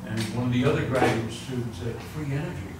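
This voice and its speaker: In a large chalkboard lecture room, an older physics professor talks fast in a medium-pitched voice, trailing off into rambling stories, breaking into his own sentences, and solving equations on the board. The distant mic gives an echoey sound with heavy background noise.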